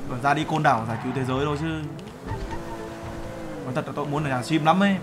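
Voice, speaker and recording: Quick, high-voiced male streamer. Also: steady tone, over music. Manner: playful, chatty. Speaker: game streamer. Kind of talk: casual chat to viewers.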